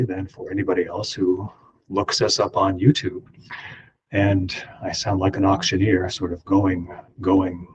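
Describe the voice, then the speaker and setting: A man who is an immigration lawyer, hosting a webinar in an unscripted, halting way with many ums and restarts, heard through a computer mic on a video call. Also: low-pitched, a little mellow, husky, rough recording. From Canada.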